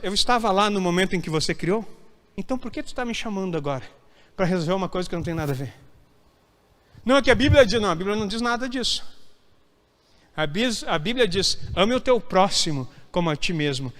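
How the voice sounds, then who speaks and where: Pastor guy preaching hard, bright sharp voice, echoey hall. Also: high-pitched. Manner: emphatic preaching, acts out whiny voices of church members. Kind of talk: sermon. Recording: hall reverb.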